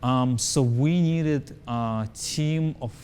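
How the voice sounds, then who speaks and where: Speaking extremely slowly, a man with a medium-pitched, darkish voice comes through on a clean recording. He's a company founder for whom English is a second language, answering interview questions emphatically, going over his points again and asking "right?".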